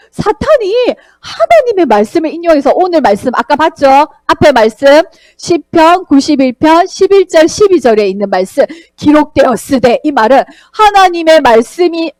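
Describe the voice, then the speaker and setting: Animated woman teaching a children's Bible lesson. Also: sits high, moderate pace, dry recording. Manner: animated, questioning children by name. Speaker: Sunday school teacher.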